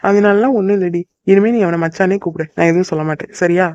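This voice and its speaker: A man's voice: sits high, fairly quick, darkish tone, dry recording, lightly acted. A man voicing a possessive but tender young boyfriend in a cartoon. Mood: affectionate. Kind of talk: cartoon voice acting. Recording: dull lo-fi dry recording.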